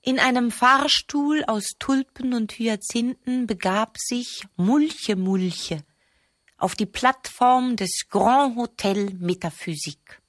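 A woman reading a surreal literary text aloud as narrator, slow and deliberate. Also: fairly high pitch, dry recording, clean studio sound.

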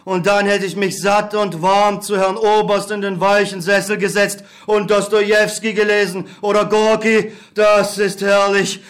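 Man acting as exhausted bitter young soldier home from war, resigned, hungry, high-pitched for a man, radio play. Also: fairly bright tone. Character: weary, bitter young male war returnee.

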